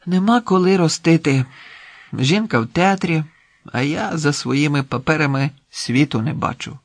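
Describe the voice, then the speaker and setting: A man's voice: on the high side, moderate pace, no room sound, studio quality, lightly acted. A man doing a weary, terse city official. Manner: tired, terse answers.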